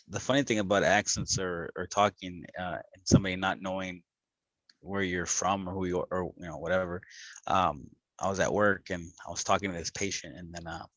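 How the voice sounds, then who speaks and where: A man's voice: deep voice, fairly bright tone, dry recording, rough recording. A man from Los Angeles co-hosting a podcast, telling a story in a rambling way with many fillers. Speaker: podcast co-host. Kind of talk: casual podcast chat.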